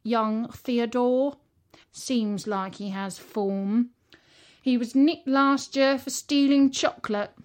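A storybook policeman, formal and official, given voice by a woman reader. He speaks slowly in a slightly high register. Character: matter-of-fact male police officer.

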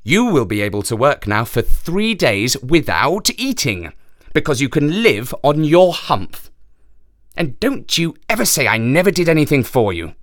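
Magical male desert spirit, stern and patient, who scolds slowly and deliberately, as a man puts him on. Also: a little high, sing-song, no room sound, studio quality.

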